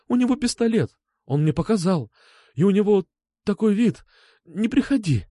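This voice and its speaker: A man's voice: sits high, very animated, moderate pace, dark tone, no echo, studio quality, voice pushed up. A man reading an audiobook, voicing a frightened young woman who speaks through tears and pleads. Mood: frightened pleading. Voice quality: tearful, pleading.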